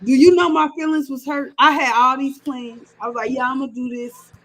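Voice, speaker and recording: A woman's voice: sits high, steady tone, normal speed, a bit bright, poor audio. Ranting woman in her thirties. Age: 30s. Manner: chatty, ranting with emphatic repetition. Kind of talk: casual sports-show chat.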